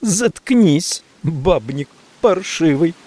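A man's voice: on the high side, drawn-out words, vocal fry, warm tone, slight background noise, voice pushed up, exaggerated voice. A man voicing a furious, tearful woman who shrieks insults at the lover who wronged her, in an audiobook. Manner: shrieking insults, then sobbing.

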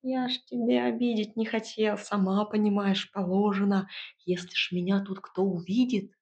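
Lady doing a big clumsy hero guy, begging and flustered, slow, muffled lo-fi sound. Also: mid-range voice, little pitch movement, darkish tone, natural voice. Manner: pleading and flustered. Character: burly young male hero, clumsy and pleading.

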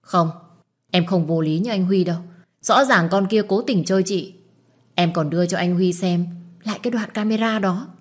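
Lightly acted and lowish, a woman's voice gives audiobook dialogue for a nosy, blunt young woman who pesters and scolds. The mood is indignant, the manner pushy and quick to reprimand.

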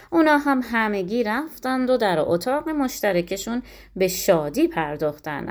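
A woman narrating a folk tale audiobook in a lively, expressive storytelling manner. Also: mid-range voice.

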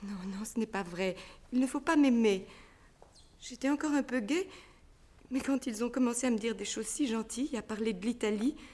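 Actress doing a fragile young circus girl, high-ish voice, breathy, keeps slipping into whispers, old radio play feel. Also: moderate pace, darkish tone, natural voice. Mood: frightened tender. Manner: breathy, often sinks into whispers. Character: young female circus rider, fragile and frightened. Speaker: Consuelo. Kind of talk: 1960s French radio drama acting.

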